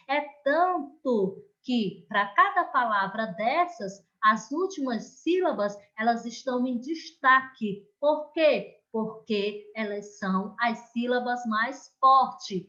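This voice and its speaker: A Brazilian woman teaches children in an online lesson, speaking in an unhurried, slightly high voice. She lingers on the key words and keeps coaxing her pupils to follow along. The recording sounds dull and lo-fi. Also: pushed and bright. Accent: Brazilian Portuguese. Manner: slow, drawn-out stressed words, coaxing children. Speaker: primary school teacher.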